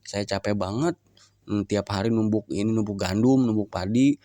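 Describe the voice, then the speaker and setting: A man's voice: lowish voice, normal speed, dark tone, no room sound, close to an everyday voice. A man voicing a weary young woman who complains through tears about endless housework. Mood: weary complaint. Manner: plaintive, complaining. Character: weary young woman, tearful daughter worn out by chores.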